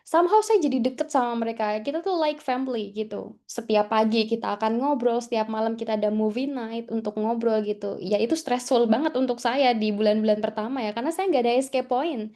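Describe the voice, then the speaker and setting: A woman's voice: a little high, a little fast, mellow. A young adult woman from Indonesia, chatting as a guest speaker at an English class, with many fillers and English words mixed in. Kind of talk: storytelling talk to students.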